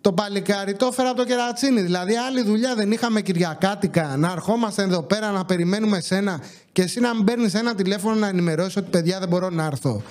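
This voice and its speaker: A man telling a comedic anecdote on his podcast in an animated, exasperated way, acting out what others said. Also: high-pitched. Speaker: podcast host. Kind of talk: comedic storytelling.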